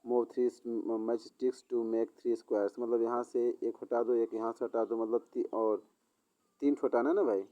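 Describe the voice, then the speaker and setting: Slow, mellow-voiced man teaching. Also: mid-range voice, fairly even intonation. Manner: explains English words in Hindi, slow and repetitive, reads English sentences haltingly. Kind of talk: classroom lesson explanation. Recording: dull lo-fi sound.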